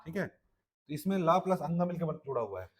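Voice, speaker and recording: Casting: a male Hindi teacher with a Chhattisgarhi accent, fairly high voice, lecturing for exam prep and quizzing the class. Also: big pitch swings, normal speed, husky. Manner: repeats "ठीक है" and quizzes listeners.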